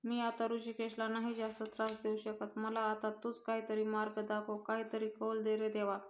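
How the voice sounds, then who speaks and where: A woman's voice: fairly high pitch, moderate pace, roomy sound, natural voice. Woman reading as an anxious young wife. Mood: pleading. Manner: flat monotone reading. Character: devoted young daughter-in-law, anxious. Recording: dull lo-fi recording.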